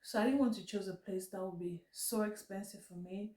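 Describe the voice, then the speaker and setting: A woman's voice: medium pitch, a little fast, a little mellow. A woman vlogger chatting casually to viewers in a rambling, self-correcting way, with a blocked nose that has her breathing through her mouth as she talks. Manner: mouth breathing while talking. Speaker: vlog host. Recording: echoey room, distant mic.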